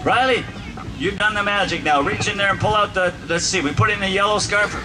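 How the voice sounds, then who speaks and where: A man's voice: sits high, brisk, poor audio. A man performing as a kids party magician outdoors, talking to his audience like a playful showman full of mock amazement. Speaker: children's magician and musician, host of the show. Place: outdoor park lawn under trees. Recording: outdoor PA, music and crowd noise behind.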